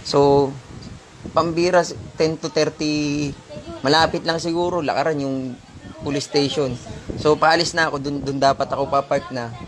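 A delivery rider tells viewers what happened to him in a casual, emphatic first-person account, calling them sir and bro. His voice is fairly high with little pitch movement, at a moderate pace.

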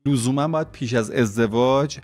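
A man hosting a dating show, asking formal, measured questions and introducing segments. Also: medium pitch, a little mellow.

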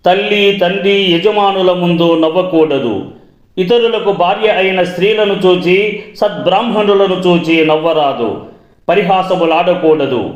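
A man reciting classical verses in a slow melodic chant, then explaining their meaning in a brisker speaking voice. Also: high-pitched, echoey room, dull audio.

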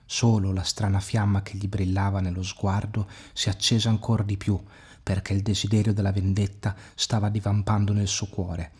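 A man reading an audiobook aloud in a calm, measured storytelling manner. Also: lowish voice, slightly rough. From Italy. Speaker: audiobook reader. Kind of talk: scripted narration.

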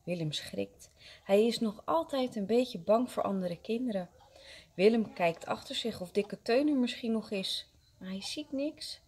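Woman, kindergarten teacher, reading a story aloud, lively pitch, slow unhurried pace. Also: breathy edge.

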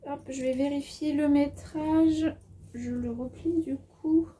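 Sewing vlogger with an accent, high voice, soft and mellow tone, chatty and musing with lots of fillers. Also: female voice, fairly even intonation, slow. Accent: has an accent of her own. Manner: chatty, thinks aloud while measuring fabric; lots of hesitations and filler words. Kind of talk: casual haul video chat.

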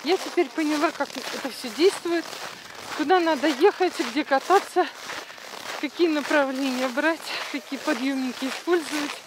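Woman, high voice, excited travel vlog chat, outdoors on snow, loud wind noise. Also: moderate pace. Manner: chatty, excited, exclaiming. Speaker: travel vlogger. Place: outdoors on a snowy ski slope and chairlift. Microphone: action camera worn on the body.

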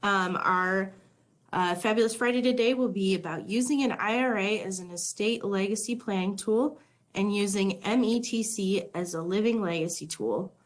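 A woman's voice: medium pitch, normal speed. A woman from Montana, an extension agent, co-hosting an educational webinar over a video call in an upbeat, friendly way with some filler ums. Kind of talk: webinar presenting.

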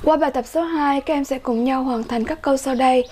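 A woman teaching a workbook lesson to children online, repeating English words slowly and carefully, with a Vietnamese accent. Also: sits high, steady tone, a little mellow, a little hiss or hum.

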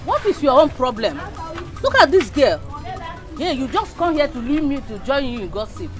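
An actress with a Nigerian accent playing a market customer who dismisses gossip. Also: female voice, sits high, sing-song, music in the background, crowd noise. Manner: brisk and dismissive. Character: woman shopping, brushing off gossip.

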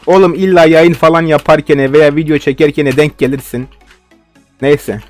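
A man's voice: fairly high pitch, steady tone, normal speed, darkish tone, no echo, faint music behind. A young man giving live game commentary, ranting and swearing in frustration at his opponents. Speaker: gaming video host.

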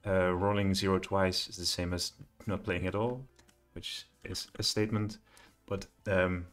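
With faint music in the background, a middle-aged programming tutor narrates a live coding session at home, full of fillers and thinking-aloud pauses. His deep voice stays fairly even and unhurried.

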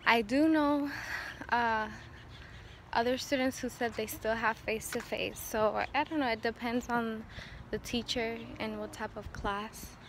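Higher-voiced young woman vlogging while on the move. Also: steady tone, measured pace. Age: young adult. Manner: talking while on the move outdoors, walking or running. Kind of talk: casual chat to camera. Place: outdoors in the open air. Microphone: phone on a selfie stick at arm's length. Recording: noisy outdoor phone recording.

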